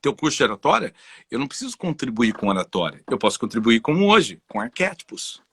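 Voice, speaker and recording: A man with a Brazilian Portuguese accent, a guest and voice specialist, talking in a casual, animated way and telling personal stories. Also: mid-range voice, fast talker, slightly rough, dry recording, studio quality. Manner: animated, personal storytelling with frequent "entendeu?". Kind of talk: casual conversational interview.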